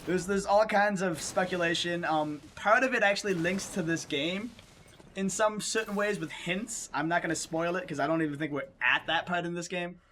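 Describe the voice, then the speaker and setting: Guy rambling through a let's play chat, kinda high voice, lots of uhs. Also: moderate pace, fairly bright tone. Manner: rambling, hesitant, with many fillers. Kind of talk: casual gaming chat.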